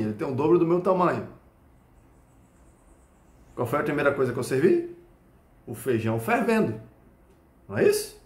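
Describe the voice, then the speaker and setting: Echoey Brazilian man telling a story. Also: medium pitch. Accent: Brazilian Portuguese. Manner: animated storytelling with frequent checking questions. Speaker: Krav Maga instructor. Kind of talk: explaining with a personal story. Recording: echoey room.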